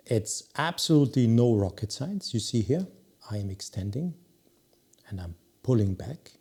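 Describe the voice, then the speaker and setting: A man's voice: mid-range voice, big pitch swings, a little mellow, breathy edge. A man reviewing a watch, opinionated and emphatic. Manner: opinionated, emphatic, drawn-out pauses. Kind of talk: product review talk.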